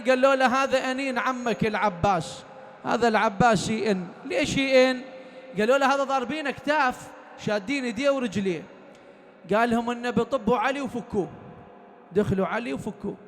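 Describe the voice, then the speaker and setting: A man's voice: very high-pitched, fairly bright tone. A man with an Iraqi accent preaching at a mourning gathering, telling stories and asking the listeners rhetorical questions. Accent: Iraqi Arabic. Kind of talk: sermon. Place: mourning gathering in a private home. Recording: long hall-like reverb.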